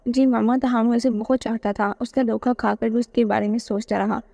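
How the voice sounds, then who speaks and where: A woman's voice: a little high, steady tone, fairly quick, vocal fry, warm tone, no room sound. A woman voicing a worried young woman who confides in her mother, in a read-aloud novel.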